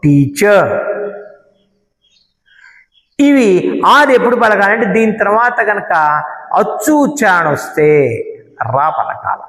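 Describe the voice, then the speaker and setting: A middle-aged man with a Telugu accent, giving a classroom lecture and stretching out example words slowly as he explains. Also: high voice, expressive, fairly bright tone. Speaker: English teacher. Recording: echoey room with long reverb.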